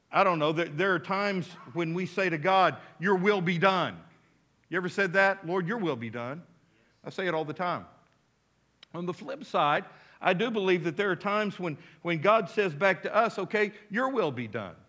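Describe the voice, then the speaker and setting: An American man in his fifties preaching a sermon as a pastor, with emphatic, deliberate phrasing and frequent repetition. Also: high-pitched, pushed and bright. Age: 50s.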